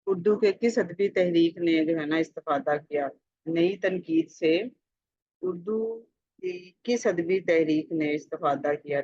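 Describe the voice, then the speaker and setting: A tutor with a Pakistani Urdu accent reads out multiple-choice exam questions and gives the answers, talking deliberately, repeating questions and adding conversational fillers. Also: medium pitch, darkish tone, dry recording. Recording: dull lo-fi dry recording.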